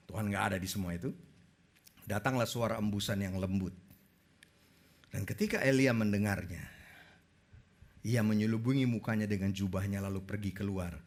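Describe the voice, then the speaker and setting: A man preaching a sermon as pastor, asking the congregation questions and swinging from soft, low scripture reading to loud, high, emphatic appeals. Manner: conversational, asks the congregation questions.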